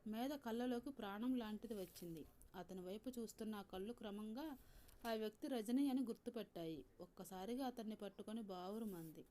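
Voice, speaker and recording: Female storyteller, Telugu accent, measured scripted reading, dark mellow voice, middle pitch. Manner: calm, measured reading with soft voiced dialogue.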